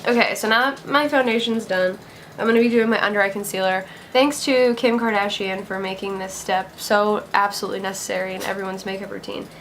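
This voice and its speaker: A woman's voice: mid-range voice, fairly even intonation, fairly quick, a bit bright, a little hiss or hum. A young woman talking casually through a makeup tutorial, upbeat and chatty, full of "like" and "gonna". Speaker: beauty vlogger.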